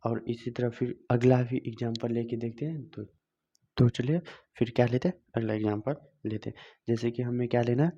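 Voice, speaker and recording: A man gives a grammar lesson in a mellow, dark voice. He keeps asking questions and answering them himself, going over each step again. The recording sounds dull and lo-fi. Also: medium pitch, steady tone, a little fast, husky. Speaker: Hindi grammar teacher. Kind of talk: video lesson.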